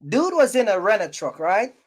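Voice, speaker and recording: Here a female YouTube host rants casually about running a trucking business, her mid-range voice very animated at a normal speed. She's blunt and scolding, hammering her points home through repetition in this off-the-cuff vlog.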